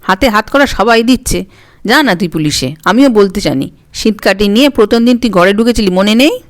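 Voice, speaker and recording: A woman reading a Bengali story, voicing a proud, sharp-tongued young woman in a raised voice. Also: medium pitch, animated, normal speed, natural voice. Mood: scolding.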